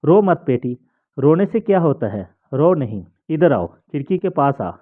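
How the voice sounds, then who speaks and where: A man's voice: fairly high pitch, very animated, a little slow. A man reading the lines of a blind, kindly old village woman from a play, coaxing and scolding. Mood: comforting. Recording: tinny phone-like sound.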